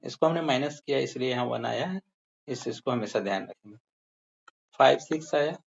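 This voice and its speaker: A patient maths teacher walks pupils through each sum step by step, counting the figures aloud and calling the class dear children. The voice sits at a middling pitch. The recording is slightly muffled, with a faint hiss underneath. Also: fairly quick, creaky.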